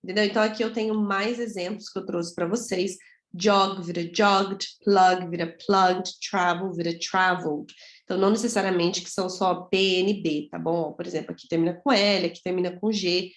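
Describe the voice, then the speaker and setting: A woman's voice: lowish voice, steady tone, normal speed. A woman from Brazil teaching an English grammar lesson in a chatty way, often checking in with her students. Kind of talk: casual video lesson. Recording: echoey room.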